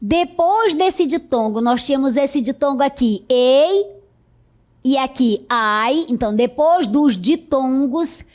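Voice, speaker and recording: A woman's voice: high-pitched, expressive, darkish tone. A woman teacher with a Brazilian Portuguese accent, giving a recorded lesson in a patient, explanatory way and checking in with her students often. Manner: slow, explanatory, checks in with "certo?".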